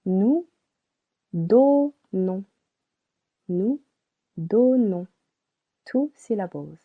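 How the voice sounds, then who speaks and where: Slow, husky woman teaching pronunciation. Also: mid-range voice. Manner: spells out letters and repeats each word slowly. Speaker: French teacher. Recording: tinny phone-like sound.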